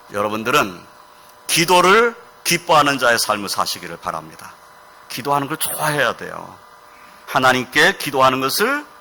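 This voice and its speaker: Male pastor, children's sermon in church. Very bright, lively voice. Asks the kids questions and answers them himself. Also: on the high side.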